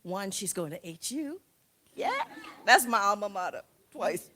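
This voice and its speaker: A woman's voice: medium pitch, sing-song, a little slow, bright, forceful tone. A middle-aged woman, a graduate's mother, introducing speakers at a graduation ceremony with playful, joking asides.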